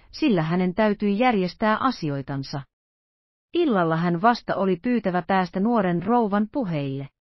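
A woman's voice: mid-range voice, no room sound. Woman narrating an audiobook, dull dry sound.

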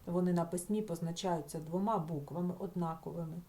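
A woman teacher patiently explaining spelling rules in a recorded lesson for schoolchildren, stretching example words out slowly and checking in with the class. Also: fairly low pitch, steady tone, warm tone. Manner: talks the class through with filler sounds and checking "так?".

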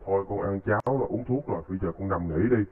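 A man's voice: fairly low pitch, rapid-fire, slightly rough. A man playing a fretful old village chief. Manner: scolding yet caring. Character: elderly male village chief, fretful and protective. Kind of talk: casual game role-play. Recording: tinny phone-like line.

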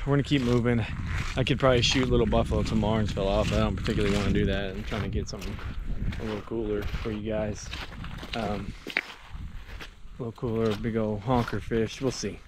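A man's voice: on the low side, level tone, quick pace. A young American man narrating a casual outdoor fishing vlog in a laid-back, slangy, sometimes profane way. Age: young adult. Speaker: fishing vlogger. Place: outdoors at a river and bridge. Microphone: handheld action camera at arm's length. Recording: clearly noisy outdoor action-camera audio.

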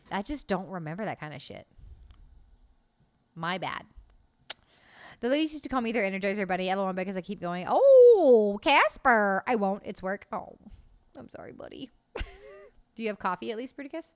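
With a medium-pitched, very animated voice at a moderate pace, she pauses often as she talks. The speaker is a woman in her late twenties streaming indoors at home, casually and cheerfully chatting with her live chat and swearing freely, via an arm-mounted desk mic and headset.

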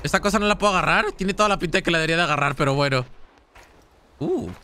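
Bright-voiced excitable Mexican gaming streamer. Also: male voice, on the high side, racing, clear, resonant tone. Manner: chatty, excitable, slangy, talks straight to chat. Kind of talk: live gaming commentary.

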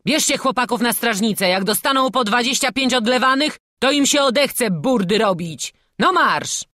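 A narrator voicing a gruff town watch captain in an audiobook, loud and barking orders. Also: medium pitch, lively intonation, normal speed, no echo, studio quality, voice pushed up.

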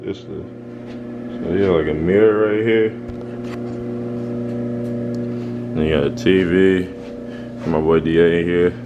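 A man's voice: low voice, slow, long pauses, highs cut off. Young man vlogging, slangy and teasing. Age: young adult. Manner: joking, slangy, teasing friends. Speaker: college basketball player vlogging. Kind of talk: casual vlog chat. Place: bus, hotel room and restaurant. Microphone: handheld camera at arm's length. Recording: loud background noise.

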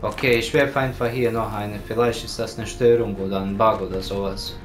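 A man's voice: on the low side, steady tone, fairly quick. A man giving casual commentary on his gameplay, swearing often and urging the game on with repeated words. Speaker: let's play gamer. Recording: voice over loud game music and gunfire. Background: game music and gunfire.

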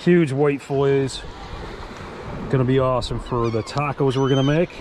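A man's voice: mid-range voice, steady tone, normal speed. A middle-aged man narrating a casual fishing vlog on the beach, upbeat and enthusiastic as he talks to the camera. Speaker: fishing vlogger. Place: sandy beach outdoors by the surf. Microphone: action camera, head-mounted. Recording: action camera outdoors with clear surf noise.

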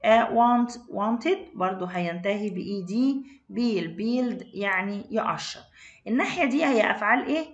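Addressing her learners as "my dears," this Egyptian-accented teacher asks them questions and explains English vocabulary in Arabic during an online class. Her mid-range voice is animated at a moderate pace, and the recording cuts off the highs.

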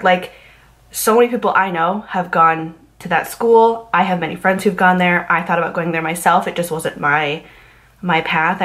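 A young woman from Massachusetts telling a true crime story to camera in a casual, rambling way, full of likes and you knows. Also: fairly low pitch. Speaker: YouTube true crime host.

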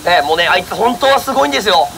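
A man puts on a street monkey show at an outdoor autumn festival, jokingly scolding and coaxing his monkey while politely addressing the crowd. His high, gravelly voice is expressive and very fast. The festival ambience around him is noisy.

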